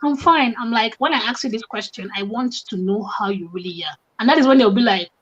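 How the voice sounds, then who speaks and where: A young African woman, a guest coach, speaks fast in a medium-pitched, husky voice on a lo-fi recording. In casual conversation she tells stories animatedly, acting out both sides of the exchanges.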